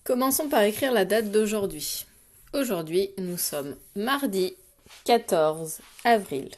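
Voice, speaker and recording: A woman teacher giving a dictation lesson to young children, speaking clearly and patiently and addressing the child directly. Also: medium pitch, lively intonation, slow pace, darkish tone. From France. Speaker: primary school teacher.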